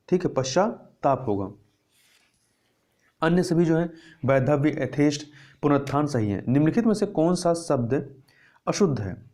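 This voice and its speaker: A man teaching exam prep, with a mellow, warm voice set a little high. He works through each question step by step, posing a question to the class and then answering it himself. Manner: explains step by step, repeats answers, asks and answers his own questions. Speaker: Hindi teacher.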